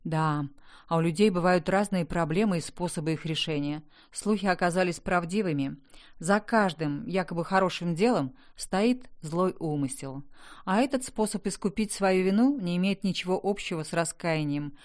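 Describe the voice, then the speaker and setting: Reading scripted first-person narration, this audiobook narrator sounds wry and conversational as she tells the story. Her voice sits on the low side, darkish in tone, at a moderate pace.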